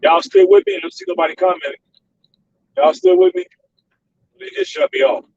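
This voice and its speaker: A man live-streaming from behind the wheel, his gravelly voice leaping between low and high as he talks to viewers. The audio is muffled and comes from a phone mic set well away from him. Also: wildly swooping pitch, a little fast, a little mellow, distant mic, slight background noise. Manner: chatty, keeps calling on viewers. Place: in a car while driving.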